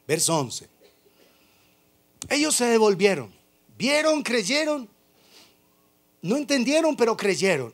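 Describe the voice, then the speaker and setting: A man preaching a sermon, emphatic and drawn out, full of rhetorical questions. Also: sits high.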